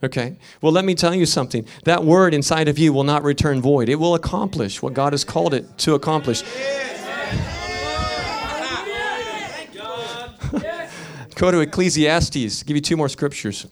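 Male pastor, fiery sermon delivery, rhythmic repeats, slightly high voice. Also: fairly quick, few pauses, a crowd in the background. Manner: impassioned preaching, swinging from loud emphatic peaks to quiet storytelling; repetitive, rhythmic emphasis.

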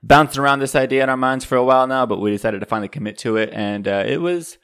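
A man's voice: medium pitch, rapid-fire, fairly bright tone, clear, resonant tone. Joking young man quizzing his co-host. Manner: joking, quizzing, laughs often. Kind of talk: casual podcast chat.

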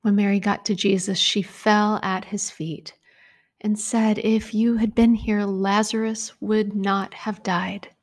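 A woman reads scripture and reflects on it in a hushed, intimate sermon that often sinks to a whisper. Her voice is gravelly and breathy, and she takes her time over every phrase. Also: medium pitch, little pitch movement, slow. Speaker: preacher.

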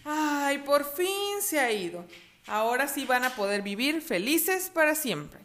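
A woman's voice: high voice, very animated, a little slow, a bit bright, slight background noise, pitched above the performer's own voice, full character voice. A woman voicing a bold, clever young boy hero in a children's storybook reading, brave and cheeky. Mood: sweet.

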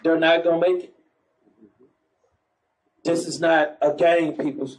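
A man's voice: on the high side, level tone, unhurried, slight background noise, rough recording. A man preaching in the street, mocking churchgoers and calling for the next verse to be read. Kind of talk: street preaching with scripture reading.

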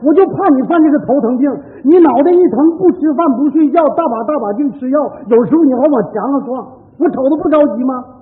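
An actor playing a henpecked middle-aged husband with a Northeastern Chinese accent, scolding and pleading in loud, exasperated bursts for a comedy sketch. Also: male voice, very high voice, fast, slight background noise. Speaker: comic actor. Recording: tinny lo-fi stage recording with reverb.

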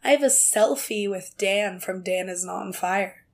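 An American woman co-hosting a podcast in casual, joking banter, her voice raspy like a longtime smoker's and hoarse from a sore throat. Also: mid-range voice, unhurried. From California, US. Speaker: podcast co-host.

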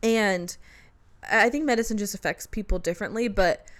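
A young woman co-hosting a podcast, telling a personal story in a lively, casual way and acting out what other people said. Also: medium pitch, moderate pace. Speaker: podcast co-host. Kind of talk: casual chat.

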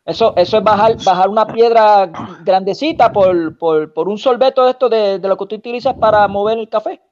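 A man, chatting casually as podcast co-host and telling stories with lively quotes. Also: sits high, a little fast, muffled recording. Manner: storytelling, animated quoting. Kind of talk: casual chat.

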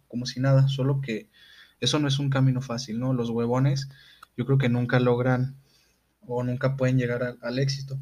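A man's voice: medium pitch, a little mellow. A man with a Mexican accent giving a motivational talk as numbered life advice, direct and exhorting, speaking straight to the listener in blunt, slangy commands.

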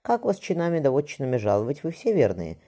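A narrator playing a menacing middle-aged tsar who talks in a venomous, mocking way. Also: male voice, medium pitch, sing-song, fast talker, warm tone.

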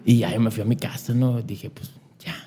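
A young man with a Mexican accent, a radio announcer guesting on a podcast, telling anecdotes in a slangy, animated way and acting out the voices of the people in them. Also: fairly low pitch, moderate pace, husky. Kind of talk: casual storytelling chat.

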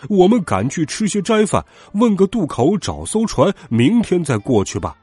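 A man's voice: high voice, wildly swooping pitch, normal speed, dark tone, breathy edge, no room sound, pitched above the performer's own voice, heavily acted. A man putting on a grunting greedy pig-man. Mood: pleading. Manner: grunts "uh" between words.

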